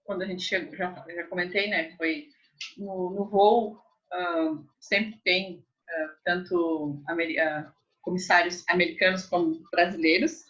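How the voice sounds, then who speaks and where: A Brazilian woman student telling a story in a lesson over a video call, hesitant and halting. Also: fairly low pitch, fairly even intonation, a bit bright. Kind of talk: casual chat in a lesson. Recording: muffled video call audio.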